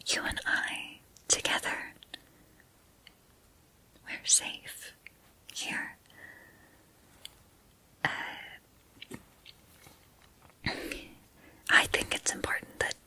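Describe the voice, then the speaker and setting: A woman in a whispered role-play, voicing an obsessive, lovestruck female student turned captor who confides haltingly in a breathy whisper. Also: sharp tone, no room sound. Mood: quietly menacing. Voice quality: breathy whisper, mostly unvoiced. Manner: hesitant, halting, intimate confiding.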